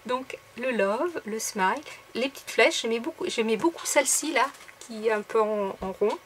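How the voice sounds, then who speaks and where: Woman, crafts vlogger, fairly high voice, chatty and rambling, faint hiss behind. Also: expressive, moderate pace. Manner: chatty, many fillers and little asides to viewers. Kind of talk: casual haul video.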